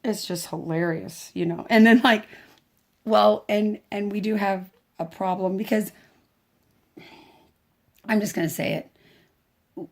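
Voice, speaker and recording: A woman telling family stories in an easygoing vlog chat. She talks in a bouncy, excitable way, often breaking into giggles and starting her sentences over. Her pitch sits in an ordinary middle range. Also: slow, vocal fry, pauses often. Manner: animated and giggly, with many restarts. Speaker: adoptive mother, vlogger. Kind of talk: casual chat.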